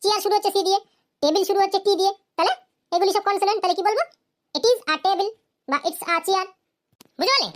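A woman teaches grammar in a cartoon lesson, her voice very high and her pace quick. She asks the class question after question and answers them herself, then says each English example slowly.

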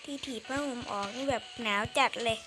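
A woman's voice: on the high side, a little fast, heavy background noise. A female game channel host talking through her play in casual, chatty commentary and exclaiming at what happens on screen.

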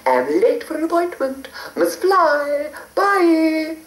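A woman's voice: high voice, huge pitch swings, slow pace, pitched above the performer's own voice, heavily acted. A woman voicing a sweet, naive, plump young fairy who trills and gushes. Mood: excited. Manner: breathy, trilling and gushing. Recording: echoey room.

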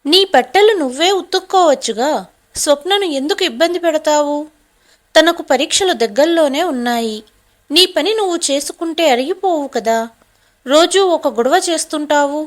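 A woman's voice: sits high, moderate pace, pitched above the performer's own voice, natural voice. A woman voicing an irritated young husband who reproaches his wife in a storybook drama. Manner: raised, reproachful.

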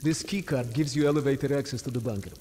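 A wary Soviet intelligence officer voiced by a man speaks. The video game scene puts clear ambient noise behind him. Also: mid-range voice, quick pace, roomy sound, natural voice. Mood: guarded. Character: guarded Soviet intelligence officer working as double agent. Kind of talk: video game drama acting.

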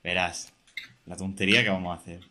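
A young man, hosting casual co-op gameplay chat, excitable and jokey, talking through every move. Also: deep voice, brisk, a little hiss or hum. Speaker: gaming podcast host.

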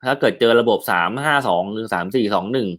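A man's voice: fairly low pitch, expressive, quick pace. Chatty man hosting football news. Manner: chatty, reads and answers viewer comments; frequent filler sounds and polite particles. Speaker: football news show host. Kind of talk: casual football news chat.

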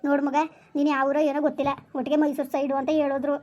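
A woman's voice: sits high, completely flat delivery, racing, dark tone, close to an everyday voice. A woman playing a middle-aged village housemaid with a drawl, in a family drama skit. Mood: confiding.

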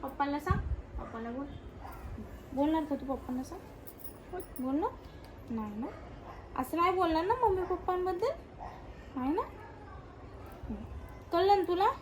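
High-voiced woman gently scolding. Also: animated, normal speed, long pauses, background noise. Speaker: mother. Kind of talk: casual family chat.

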